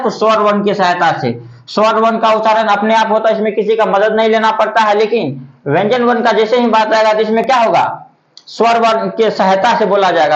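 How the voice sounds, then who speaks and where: A man teaching grammar, explaining step by step, drawing out letter sounds slowly and asking himself rhetorical questions. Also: high voice. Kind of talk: classroom-style explanation. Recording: echoey room, dull lo-fi audio.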